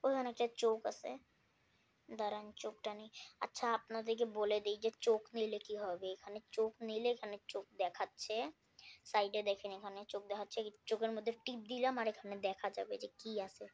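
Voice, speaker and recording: A woman giving casual, chatty commentary while playing mobile games, often dropping into a hushed whisper. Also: medium pitch, flat delivery, normal speed. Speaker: gaming vlogger.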